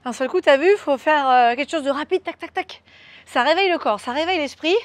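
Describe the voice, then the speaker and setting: Woman fitness coach, high voice, dry close sound, upbeat, chatty, coaxing. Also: a little fast, no echo. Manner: upbeat, coaxing, chatty, counts moves aloud. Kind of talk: guided workout instruction.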